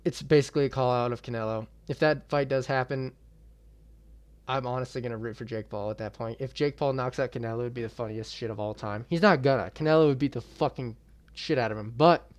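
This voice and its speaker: A man's voice: mid-range voice, brisk. A young man hosting his own MMA channel, ranting in a heated, profane and blunt way about a boxing match. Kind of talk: ranting reaction vlog.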